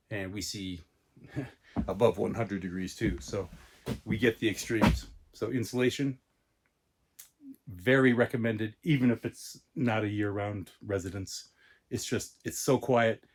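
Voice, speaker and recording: A man's voice: on the low side, a little hiss or hum. A man casually talking to the camera as he explains his own off-grid cabin build. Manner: relaxed, chatty, explaining as he goes. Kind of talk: casual vlog talk to camera.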